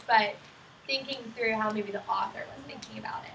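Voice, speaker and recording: This is a young woman's medium-pitched, slightly bright voice, moving briskly as she leads an interactive picture-book reading for small children. As a student teacher, she poses simple questions warmly and affirmingly; the echoey classroom recording has a distant mic and clear background noise.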